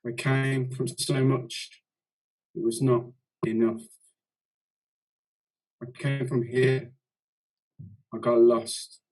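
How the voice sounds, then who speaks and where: A man reading his poem slowly and deliberately. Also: medium pitch, little pitch movement, darkish tone, rough recording. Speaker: poet. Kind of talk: poetry reading.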